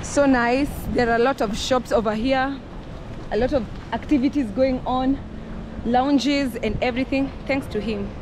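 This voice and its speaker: A woman's voice: high voice, normal speed. A woman from Kenya with a Kenyan accent, casually narrating a travel vlog outdoors. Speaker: vlogger. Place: outdoors on a busy city street. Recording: loud street and traffic noise.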